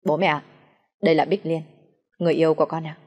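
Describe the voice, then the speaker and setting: A woman with a low voice reading the lines of a young man who politely pleads with his parents. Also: fairly even intonation, fast, darkish tone.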